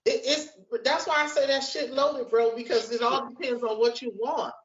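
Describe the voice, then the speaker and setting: A woman's voice: high voice, fairly even intonation, moderate pace. Frank woman in her forties, echoey lo-fi. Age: 40s. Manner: frank and conversational, repeats words as she thinks. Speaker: podcast co-host. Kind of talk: casual podcast discussion. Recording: lo-fi echoey room audio.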